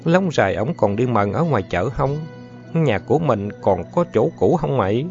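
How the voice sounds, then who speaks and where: A man with a mid-range, darkish, expressive voice and some vocal fry performs a brash, streetwise older girl in a storybook reading. Blunt in mood, she fires off coarse, rapid-fire questions. The audio is dull lo-fi with faint music.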